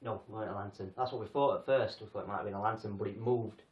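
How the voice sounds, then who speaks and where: A man's voice: on the low side, steady tone, racing. A man from England hosting a casual livestream chat, rambling and joking about himself. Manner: rambling, jokey, self-deprecating. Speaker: paranormal group host. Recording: roomy, distant, dull sound.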